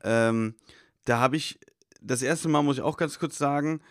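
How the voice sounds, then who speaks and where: A man, a stand-up comedian, chatting casually and telling animated anecdotes about his gigs. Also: medium pitch, measured pace, no echo, studio quality. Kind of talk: casual chat.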